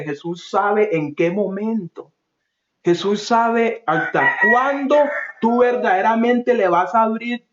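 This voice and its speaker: Man, sermon, impassioned, slow deliberate delivery, dull lo-fi recording. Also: echoey room. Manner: impassioned, swings between loud pleading and low soft phrases. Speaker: preacher.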